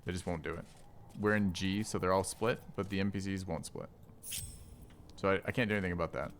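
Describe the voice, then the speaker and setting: A man's voice: sits low, steady tone, a little fast, slight background noise. A man streaming a strategy game, thinking aloud in casual commentary, puzzled and now and then swearing at the game's rules.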